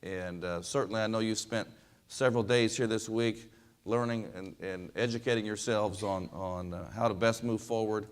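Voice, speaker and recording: A man's voice: on the low side, fairly even intonation, normal speed. A man from western Kansas, a basketball coach, giving a folksy storytelling speech with lots of fillers and repeated words. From western Kansas, USA.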